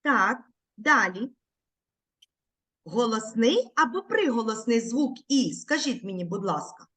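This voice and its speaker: A woman's voice: a little high, very animated, unhurried, a bit bright. A woman teaching young children in an online lesson over a video call, patient and coaxing.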